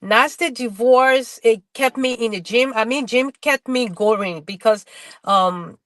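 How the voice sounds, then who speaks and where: A middle-aged woman from Liberia, a bodybuilder guest telling her story in casual webinar talk, halting and restarting her words often. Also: on the high side, fairly bright tone, no room sound.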